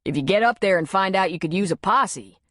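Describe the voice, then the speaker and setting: A woman's voice: medium pitch, lively intonation, brisk, a bit bright, no echo, clean studio sound. A woman narrator voicing a bartender who talks in a terse, guarded way.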